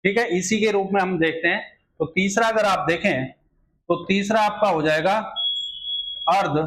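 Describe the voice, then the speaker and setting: High-voiced man teaching Hindi grammar. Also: moderate pace, fairly bright tone, low-quality recording. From India. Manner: repetitive filler phrases, rhetorical questions to students. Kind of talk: exam-prep grammar lesson.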